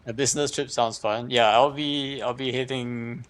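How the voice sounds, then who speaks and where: A male streamer with a smooth, slightly bright, medium-pitched voice talks at a moderate pace in a steady tone. His casual livestream chatter is hesitant and rambling, with frequent repetition as he thinks aloud.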